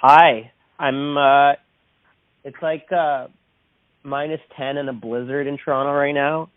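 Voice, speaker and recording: A man's voice: fairly high pitch, fairly even intonation, unhurried, no echo. A man being interviewed over the phone, chatting in a loose, rambling, self-deprecating way. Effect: heard over a phone line. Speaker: interview guest, musician. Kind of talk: casual chat. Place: at home indoors. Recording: tinny phone line.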